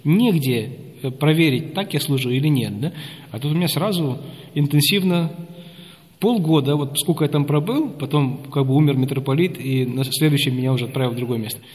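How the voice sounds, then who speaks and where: A middle-pitched man in his fifties from Russia, an Orthodox priest, talks through his memories in an interview. He rambles from anecdote to anecdote and pauses often on hesitant filler sounds. His voice rings out with a long reverb tail, as in a large hall. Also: darkish tone. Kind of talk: interview storytelling.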